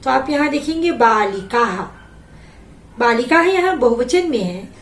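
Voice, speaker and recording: Lady teacher going slow thru sanskrit words, echoey room. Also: high voice, animated. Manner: reads each word, then gives its meaning. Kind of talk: slow classroom explanation.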